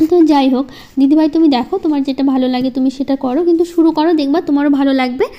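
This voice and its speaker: A woman narrates a casual home vlog over her footage. Her voice sits high but sounds mellow and warm. She speaks softly and slowly, and now and then she pauses or gets stuck on a word. The voice-over recording is a little dull and lo-fi. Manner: slow, soft-spoken, halting. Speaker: home vlogger.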